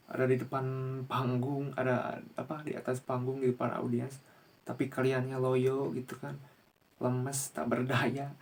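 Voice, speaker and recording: A man's voice: medium pitch, a little mellow. A young man, a university student, gives a recorded class presentation indoors to a camera, explaining casually with frequent fillers and restarts. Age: young adult.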